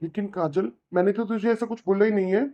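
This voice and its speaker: A performer voicing an elder brother in a cartoon, calmly scolding and lecturing with a Hindi accent. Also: mid-range voice, quick pace, lo-fi sound, close to an everyday voice. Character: reasonable elder brother, young married man. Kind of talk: cartoon voice acting.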